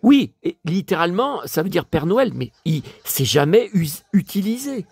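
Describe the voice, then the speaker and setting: A man's voice: high voice, sing-song, normal speed, vocal fry, slightly rough, no echo. An older man from France chatting casually as a vlogger, musing aloud as he reads English words in a French way. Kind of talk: casual chat while leafing through a book.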